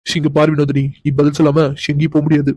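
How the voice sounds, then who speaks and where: A pushy, doting young man from a cartoon, voiced by a man. He coaxes and insists in a fairly high, very flat voice. The sound is dry and close. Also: fast, no room sound, natural voice, poor audio. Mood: coaxing. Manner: coaxing, insistent. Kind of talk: cartoon voice acting.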